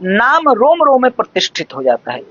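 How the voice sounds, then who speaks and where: A regular speaker giving a devotional discourse that explains scripture, talking in a measured, explanatory way and reciting verses slowly. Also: medium pitch, wildly swooping pitch, a bit bright, no echo. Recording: dull lo-fi dry recording.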